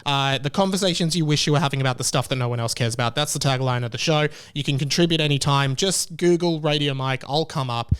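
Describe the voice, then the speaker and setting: A man hosts his own podcast in a casual solo chat, speaking fast in a mid-range voice with few pauses. His tone is clean and a bit bright. He rambles candidly and often breaks off to restart his sentences.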